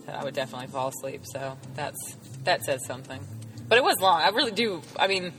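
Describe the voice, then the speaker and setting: A woman's voice: sits low, fast, faint music behind. A woman in her thirties co-hosting a podcast, chatting and teasing casually from inside a car. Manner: teasing, jokey. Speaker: podcast co-host. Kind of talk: casual chat. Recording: loud road noise behind.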